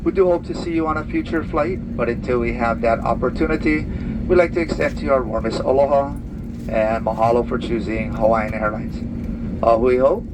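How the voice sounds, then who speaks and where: Male flight attendant on PA, loud cabin noise. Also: mid-range voice, a little fast. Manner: polite, practised, formal delivery. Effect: aircraft PA speaker. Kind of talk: cabin announcement after landing. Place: inside an airliner cabin. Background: loud aircraft cabin and engine noise.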